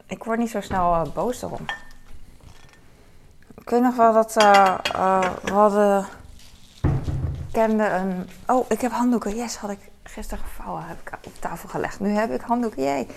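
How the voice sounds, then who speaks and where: A woman's voice: mid-range voice, moderate pace, vocal fry, background noise. A woman in her forties with a Hong Kong Cantonese accent, chatting casually and rambling while doing household chores. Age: 40s. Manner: rambling, lots of fillers. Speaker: mother.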